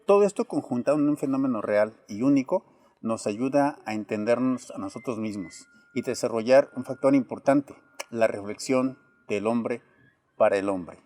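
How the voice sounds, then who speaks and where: Earnest, mellow-voiced interviewer. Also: male voice, mid-range voice, moderate pace. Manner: earnest and formal, with frequent hesitation fillers. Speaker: interviewer, host. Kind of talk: formal introduction and interview.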